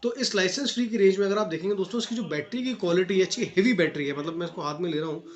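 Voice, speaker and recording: Very fast and pitched high, a male Indian presenter rattles through a casual unboxing review, explaining features in friendly direct address and using English terms. The audio is dull, and the echoey space has steady noise and clicks.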